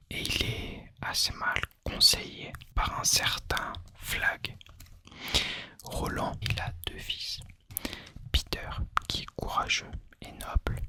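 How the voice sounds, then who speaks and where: A man speaking in a soft, unvoiced ASMR whisper, chatting informally and confidingly to the listener about recommendations. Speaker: ASMR video host.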